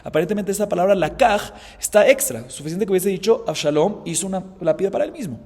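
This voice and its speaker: A man's voice: sits high, expressive, quick pace, darkish tone, big-room sound. A man, a rabbi teaching a Talmud class, explaining passages, often checking in with "¿sí?" and chanting the original texts. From Colombia. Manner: explanatory, frequent "¿sí?" check-ins, chants Hebrew and Aramaic passages.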